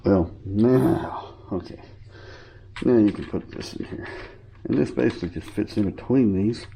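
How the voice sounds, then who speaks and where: Warm and gravelly, this man's voice is on the low side and a little slow, with slight hiss or hum in the audio. A hobbyist with a bit of a cold, he sniffles as he rambles through his gear, informal and full of fillers and self-corrections.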